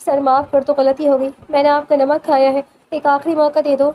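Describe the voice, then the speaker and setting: A woman's voice: sits high, level tone, lo-fi sound, a little hiss or hum, natural voice. A woman voicing a beaten, terrified male captive who pleads tearfully for mercy. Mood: begging.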